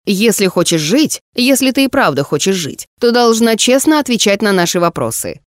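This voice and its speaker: A woman voicing a stern, cold woman investigator with a creaky voice, questioning slowly and demandingly in an audiobook. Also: medium pitch, big pitch swings, dry recording, studio quality, lightly acted. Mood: stern, menacing. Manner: slow, demanding interrogation. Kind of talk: audiobook character voice.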